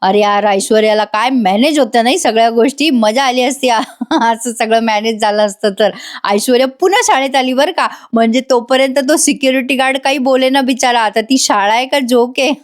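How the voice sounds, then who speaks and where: Woman reviewer doing a chatty, fairly high-pitched voice-over recap of a TV serial. She talks straight to her viewers, full of asides and quick laughs. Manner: chatty, addresses viewers directly, laughs often.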